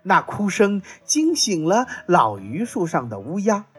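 Female children's storyteller, slow and expressive, breathy tone. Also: on the low side, soft background music.

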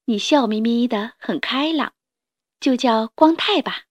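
A woman's voice: fairly high pitch, a little slow. Woman voicing a tender mother dinosaur. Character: gentle loving mother dinosaur.

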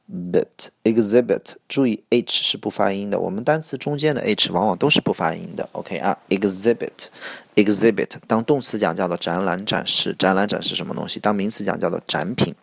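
A man teaching English vocabulary for an exam, repeating each word slowly and explaining it in Chinese. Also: deep voice, creaky, no echo. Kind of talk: IELTS vocabulary lesson.

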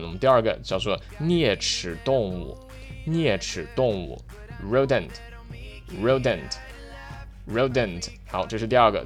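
Man as podcast English tutor, lowish voice, spells words out and repeats them, soft music under. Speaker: English teacher and podcast host. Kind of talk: podcast vocabulary lesson.

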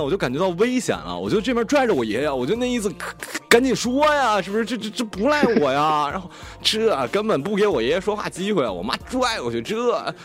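Male co-host, animated storyteller with a mid-range voice. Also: mid-range voice. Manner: animated, acts out family members' lines. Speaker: live-stream co-host. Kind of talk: casual storytelling chat.

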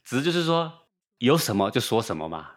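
A man's voice: mid-range voice, very animated, a little fast. A man lecturing in dialogue, emphatic and rhetorical, often asking his listener if he is right. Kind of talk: lecture on Confucian ethics in dialogue.

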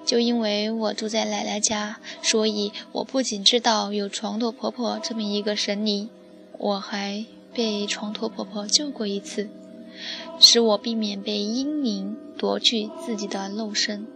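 A woman telling a first-person ghost story in a slow, measured way. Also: mid-range voice, little pitch movement, pushed and bright. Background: background music.

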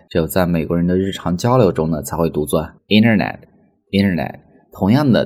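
A man teaching a pronunciation lesson whose first language is Chinese, explaining clearly and repeating example words aloud. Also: low voice, darkish tone. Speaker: English teacher.

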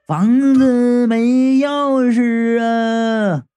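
A man voicing a whiny male ghost who wails his complaints in a slow, drawn-out cry. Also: extremely high pitch, fairly even intonation, mellow, clean tone, soft background music, voice pushed up, full character voice. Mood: wailing. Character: whiny wailing male ghost, wants everything.

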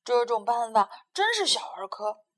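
Woman doing a greedy little crow, loud and whiny. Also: fairly high pitch, very animated, moderate pace. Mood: wheedling. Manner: wheedling, whiny, crafty.

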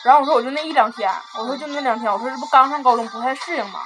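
A woman's voice: high-pitched, very fast, crowd noise, rough recording. A woman, telling stories bluntly in a casual chat. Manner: lively storyteller, blunt and swearing. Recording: music playing under the voices.

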